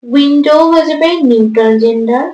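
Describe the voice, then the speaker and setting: A woman teacher going through exam answers, reading English prompts slowly, explaining them in Bengali and spelling words out letter by letter. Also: sits high, a little mellow, dull audio. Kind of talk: exam answer walkthrough lesson. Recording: echoey room.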